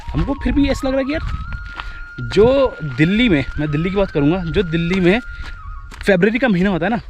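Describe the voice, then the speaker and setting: A man's voice: fairly high pitch, a little mellow. A young man from India, chatting casually to viewers as he walks on a forest hillside, often repeating his phrases. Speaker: travel vlogger. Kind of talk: casual vlog narration while walking.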